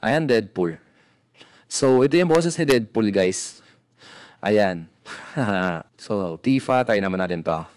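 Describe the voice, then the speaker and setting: A man demoing a gadget while an AI voice changer shifts his voice deeper. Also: animated, slow, long pauses, darkish tone, no room sound, studio quality. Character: deep pitch-shifted male antihero voice. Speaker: tech reviewer. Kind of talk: casual product demo.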